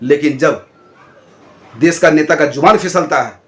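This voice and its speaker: A man's voice: on the high side, unhurried. A man hosting his own channel, giving indignant political commentary and lecturing viewers with rhetorical questions. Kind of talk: talking to camera, political commentary.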